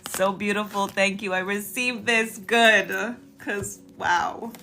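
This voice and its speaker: A woman hosting a live-stream card reading, calling on viewers by name and giving soft, affirming spiritual messages. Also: mid-range voice, fairly even intonation, takes it slowly, faint music behind.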